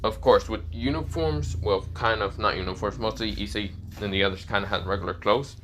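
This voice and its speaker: A man's voice: on the low side, a little fast, a bit bright, a little hiss or hum. A man improvising a fan story aloud, rambling and leaning on the same filler phrases. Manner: rambling, repeats "this is where, well".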